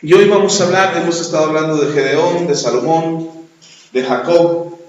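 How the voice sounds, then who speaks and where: A pastor preaching a sermon, retelling a story and acting out both sides of the dialogue. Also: male voice, on the high side, steady tone, moderate pace, a little mellow. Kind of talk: sermon with retold anecdote. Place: church. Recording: echoey church hall, dull lo-fi sound.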